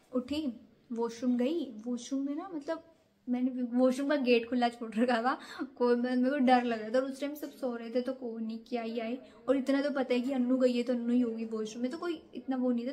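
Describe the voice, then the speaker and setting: A woman's voice: fairly high pitch, darkish tone, a little hiss or hum. A young woman vlogger chatting casually to camera, rambling through a scary story from her own nights.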